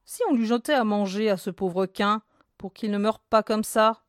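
A woman's voice: mid-range voice, steady tone, moderate pace, no room sound, studio quality, natural voice. A woman reading as a meek, resigned servant woman. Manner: soft, resigned.

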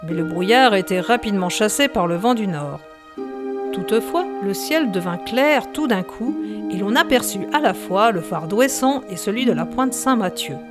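A woman narrates a novel in a measured, expressive voice of middle pitch. Faint music plays quietly underneath her reading. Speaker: audiobook narrator.

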